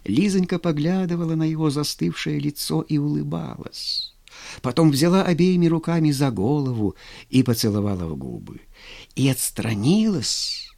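A man narrating a story as an audiobook reader, expressive and measured. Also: fairly high pitch, creaky.

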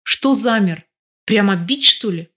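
A woman voicing a crude, slow-witted young male thug in an audiobook, blunt and rough. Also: mid-range voice, animated, a bit bright. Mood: gruff.

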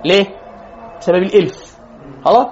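A man's voice: high voice, fairly quick, highs cut off, a little hiss or hum. A man with an Egyptian accent giving an informal psychology lecture to a class, chatty and joking, often restarting his phrases. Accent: Egyptian Arabic.

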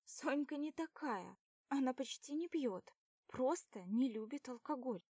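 A woman's voice: high-pitched, expressive, a little slow, darkish tone, husky, no echo, studio quality, voice pushed up, heavily acted. A woman voicing an anxious young woman with a pleading, whimpering manner.

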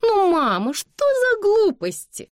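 A woman doing a shrill, haughty young society beauty. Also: big pitch swings, a little slow, no room sound, studio quality. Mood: mocking, imperious. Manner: imperious, mocking, commanding.

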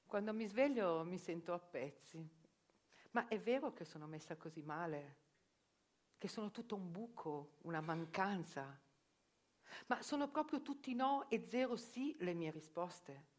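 A middle-aged female journalist with a lowish, expressive voice performs a theatrical monologue at an unhurried pace. She is ironic and self-questioning, building to urgent outbursts, in a radio broadcast with faint live music behind her.

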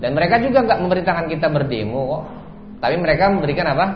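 A man preaching Islam lectures with a slightly high voice, very fast and highly animated, frequently repeating one set phrase and spiking upward for emphasis. Background noise is present, and the lecture recording sounds echoey, dull, and lo-fi.

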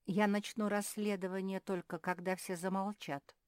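A woman's voice: mid-range voice, little pitch movement, normal speed, a little mellow, clear, resonant tone, dry recording, studio quality, pitched above the performer's own voice, close to an everyday voice. A woman voicing a wise, patient female owl who explains and sighs, in a storybook reading.

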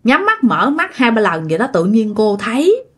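A woman's voice: fairly high pitch, huge pitch swings, normal speed, husky. A woman narrating a ghost story in a conversational way, speaking directly to her listeners.

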